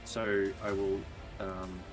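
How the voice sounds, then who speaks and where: A man's voice: low voice, completely flat delivery, takes it slowly, music in the background. An Australian man playing a tabletop game, hesitating with many ums as he decides his moves. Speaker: player.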